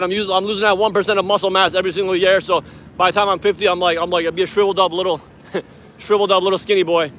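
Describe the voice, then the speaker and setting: Rambling, animated man in his forties, from Iran. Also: sits high, a little hiss or hum. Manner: rambling, animated, laughs often. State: tired. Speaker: activist vlogger. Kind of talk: casual vlog to camera. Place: city street outdoors.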